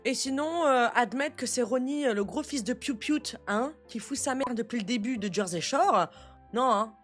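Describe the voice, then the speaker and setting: Jeune animatrice de vidéos réaction, expressive, indignée, au langage familier, voix assez haute, avec une musique discrète derrière. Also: female voice, on the high side, normal speed, soft background music. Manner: animated, outraged, slangy. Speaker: reaction video host. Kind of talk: casual reaction commentary.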